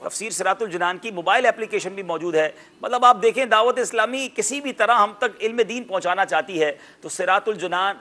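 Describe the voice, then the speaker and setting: Bright, high-voiced quiz show host. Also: male voice. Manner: lively, loud when announcing correct answers; explains word pronunciations like a teacher. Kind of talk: TV quiz hosting.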